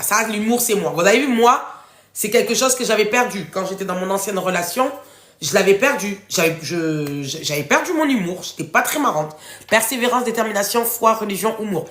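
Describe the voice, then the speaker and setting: A woman runs a casual, interactive French coaching livestream despite a head cold that leaves her congested with a runny nose. With medium pitch and a moderate pace, she reads participants' answers aloud and encourages them warmly and informally, her voice echoing around the room.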